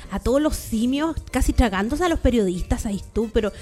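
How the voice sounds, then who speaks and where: A woman with a Chilean accent chatting casually, animated and slangy, laughing often. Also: fairly high pitch, fairly quick, faint music behind. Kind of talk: casual chat.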